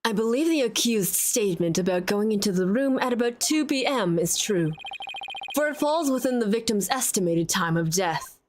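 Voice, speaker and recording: A woman's voice: mid-range voice, animated, moderate pace, darkish tone, slight background noise, pitched below the performer's own voice, natural voice. A woman voicing an earnest young defense attorney, reading game dialogue aloud.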